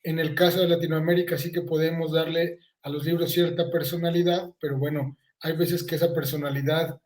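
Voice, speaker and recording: A man's voice: fairly high pitch, level tone, fairly quick, a little mellow. A man co-presenting, who responds thoughtfully with hesitant restarts in casual conversation.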